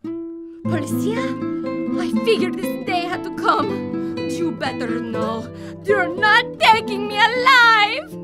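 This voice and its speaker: A woman's voice: very high voice, sing-song, takes it slowly, loud music behind the voice, heavily acted. A woman voicing a brash young cowgirl bandit in a cartoon game, taunting and bold. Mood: excited, defiant.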